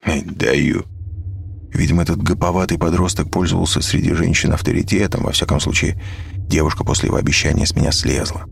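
Very deep, gravelly male narrator. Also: steady tone, fast. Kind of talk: first-person audiobook narration.

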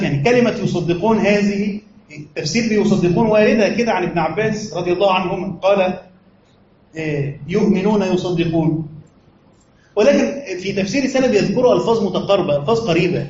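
Egyptian male sheikh, high-pitched, teaching style with questions to the class, muffled roomy recording. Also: darkish tone, a little hiss or hum. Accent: Egyptian Arabic. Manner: explains step by step, asking the class rhetorical questions. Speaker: sheikh teaching Quran commentary. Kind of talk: religious lesson.

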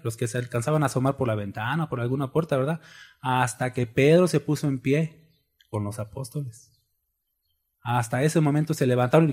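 A man delivers a sermon in a mellow, husky voice. He talks to the congregation conversationally and keeps asking them rhetorical questions. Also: mid-range voice. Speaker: pastor.

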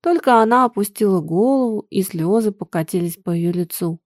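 A woman reading a story aloud in steady, measured narration. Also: mid-range voice, no echo, studio quality. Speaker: reader.

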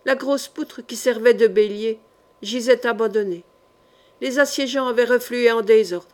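A woman's voice: fairly high pitch, normal speed, darkish tone. Dramatic woman audiobook narrator.

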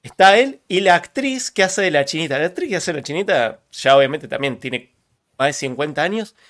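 An Argentine man co-hosts a podcast in a casual, laid-back way, with a voice a little higher than usual. He tells stories at an easy pace and uses plenty of slang. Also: lively intonation, brisk, a bit bright. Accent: Argentine Spanish. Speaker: podcast co-host.

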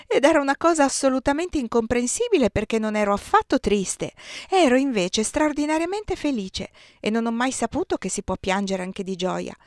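Expressive woman reading a novel aloud. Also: a little high, dry recording, clean studio sound. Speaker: audiobook reader. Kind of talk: audiobook narration.

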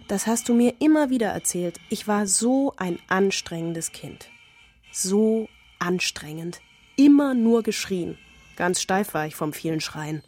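A woman narrating as a grown daughter in a radio play, quiet, bitter and reflective as she addresses her mother. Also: medium pitch, husky.

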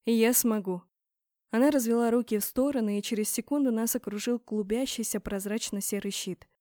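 A woman's voice: a little high, fairly even intonation, fairly quick, dark tone, no room sound, clean studio sound. A woman narrating a first-person fantasy audiobook in a tense, dramatic manner.

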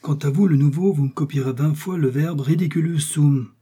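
A cross, witty schoolmaster as a man puts him on snaps orders in a raised, pointed voice. The tone stays dark and husky beneath the sharpness, from a storybook reading. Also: a little high, normal speed, pitched above the performer's own voice. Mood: stern commands. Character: stern witty male schoolmaster, irritable.

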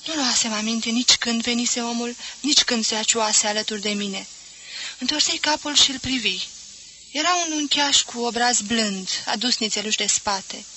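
A woman reading a novel aloud as an audiobook, in measured, even storytelling. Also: a little high, a little hiss or hum, low-quality recording. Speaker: audiobook reader. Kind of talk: literary audiobook narration.

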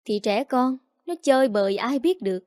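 A woman's voice: fairly high pitch, lively intonation, normal speed, a little mellow, no room sound, clean studio sound, pitched above the performer's own voice, natural voice. A woman reading a storybook, voicing a spiteful, rude young woman who scolds and bullies. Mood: defiant. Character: spiteful young woman, sharp-tongued bully.

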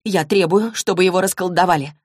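A heated young girl, pleading one moment and indignant the next, as a woman reads her in an audiobook. The voice sits higher and louder than the narration. The studio sound is dry and close. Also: fairly quick, dry recording, close to an everyday voice. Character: young girl Clary, impulsive and protective.

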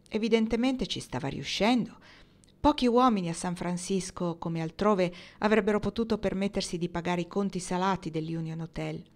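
A woman reading a novel aloud in a measured, expressive way. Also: lowish voice. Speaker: audiobook reader.

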